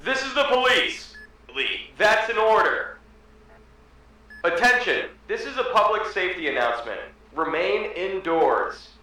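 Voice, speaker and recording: A man voicing a police officer who gives clipped orders through a megaphone loudspeaker. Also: high-pitched, animated, unhurried, heavily acted. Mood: commanding. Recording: echoey, distant loudspeaker in game.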